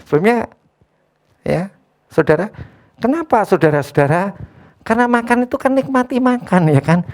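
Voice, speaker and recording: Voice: mid-range voice, lively intonation, normal speed, pauses often, a little mellow. Chatty preacher tagging every phrase. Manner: keeps addressing the congregation as brothers and sisters; punctuates phrases with a questioning "ya". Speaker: pastor. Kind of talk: conversational online sermon.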